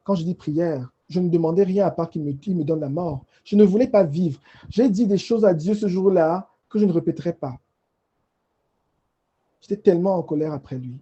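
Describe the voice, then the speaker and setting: A man on a panel telling his personal faith testimony in an emotional, halting way, often repeating phrases. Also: high-pitched, warm tone, husky, muffled recording.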